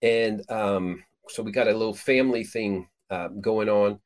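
A middle-aged man raised in Peru, a prophetic minister, hosts a casual talk show about his ministry trip. He rambles with many restarts and fillers. His pitch is fairly low, his intonation fairly even, and he speaks unhurriedly.

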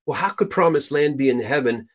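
A middle-aged man raised in Peru, hosting a show and teaching from the Bible in an emphatic way, stressing his high points. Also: expressive, a little fast. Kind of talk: scripture teaching talk.

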